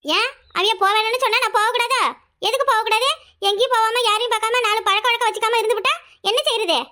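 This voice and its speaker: A woman's voice: very high-pitched, steady tone, fast, bright, forceful tone. A woman voicing a young village daughter-in-law in a cartoon, arguing back with a Kanyakumari Tamil accent. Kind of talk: cartoon voice acting.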